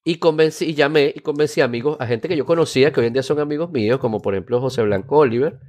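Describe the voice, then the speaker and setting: A man's voice: mid-range voice, very fast, darkish tone. Middle-aged Venezuelan man reminiscing. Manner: reminiscing storyteller, acts out quotes. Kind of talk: casual tech podcast chat.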